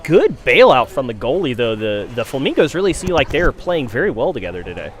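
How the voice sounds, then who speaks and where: A man doing casual, comedic color commentary on a hockey game, full of deadpan one-liners. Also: medium pitch, fairly quick.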